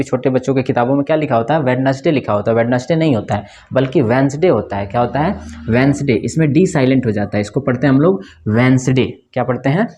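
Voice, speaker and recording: A man at a middle, ordinary pitch teaches a pronunciation lesson in a patient classroom way. He keeps asking the class what a word is read as, then answers it himself. Short check-ins punctuate every point. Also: a little mellow, slight background noise. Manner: repeats questions and answers them himself; frequent checking fillers like "okay, right". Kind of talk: classroom lesson explaining rules.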